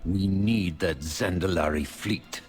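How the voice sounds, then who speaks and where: An actor playing a grim, commanding warrior in a video game, grave and deliberate. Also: male voice, low voice, a little mellow, husky, faint music behind, full character voice. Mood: grim, urgent. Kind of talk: video game character voice lines.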